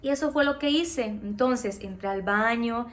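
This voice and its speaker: A woman with a Mexican accent, casually telling viewers a personal story in a chatty, animated way, often checking in with them. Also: a little high, measured pace. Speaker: vlogger.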